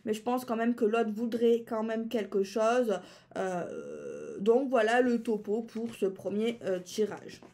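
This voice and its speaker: A woman's voice: fairly high pitch, very animated, slow, dark tone. A woman giving a casual tarot reading, chatting and musing aloud with repeated phrases and fillers. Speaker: tarot card reader.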